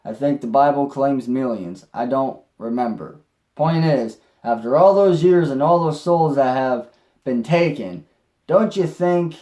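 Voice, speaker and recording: A man's voice: mid-range voice, dark tone. A young man telling a personal story in a rambling way, with restarts and mild swearing. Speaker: vlogger.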